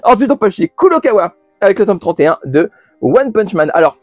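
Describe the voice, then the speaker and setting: A man's voice: sits high, very animated, a little fast, a little mellow, no room sound, studio quality, faint music behind. A man hosting a casual monthly manga haul video, chatty, with many fillers and restarts. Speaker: manga channel host.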